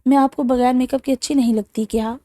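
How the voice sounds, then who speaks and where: A woman narrator voicing a shy, anxious young bride who speaks softly and timidly. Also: high-pitched, fairly even intonation, dry recording, clean studio sound, natural voice. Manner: soft, timid.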